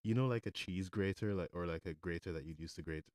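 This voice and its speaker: A man from Jamaica, a musician, answering interview questions in a relaxed, thoughtful way with many fillers. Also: deep voice, fast talker, dry recording, clean studio sound. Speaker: musician guest.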